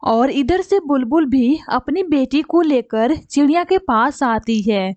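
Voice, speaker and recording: A woman's voice: high-pitched, animated, takes it slowly, a little mellow, no room sound, dull audio. A woman narrating a cartoon story in a plain, explanatory manner.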